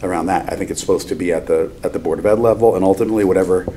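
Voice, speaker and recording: Low, mellow man at a board meeting. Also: very fast. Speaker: board of finance member. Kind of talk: measured meeting remarks. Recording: faint background noise.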